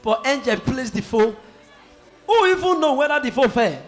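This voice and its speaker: A man preaching as a pastor, questioning a witness and calling out to the congregation with emphatic, shouted lines. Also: extremely high pitch, expressive, moderate pace. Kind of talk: preaching with call-and-response. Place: church hall with congregation. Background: music and loud congregation.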